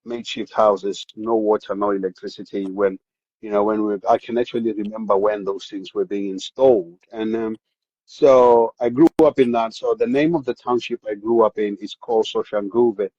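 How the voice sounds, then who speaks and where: A man's voice: lowish voice, normal speed, slightly rough, no echo, lo-fi sound. A man from South Africa with a South African accent, a podcast guest talking casually about his upbringing with lots of repeats and restarts. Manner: animated storyteller, many repeated words and restarts. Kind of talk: casual interview chat.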